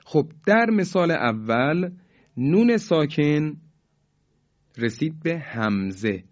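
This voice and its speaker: A man teaching Quran recitation rules, formal and polite, drawing out the example words slowly for listeners to repeat. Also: on the high side, big pitch swings, highs cut off. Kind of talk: tajweed lesson with recited examples.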